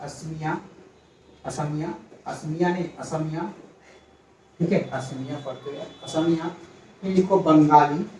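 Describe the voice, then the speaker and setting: A man teaching a class, quizzing his students, repeating key words and calling for quiet. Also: a little high, normal speed. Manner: calls for quiet. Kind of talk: classroom lecture. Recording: echoey classroom, distant mic, faint noise.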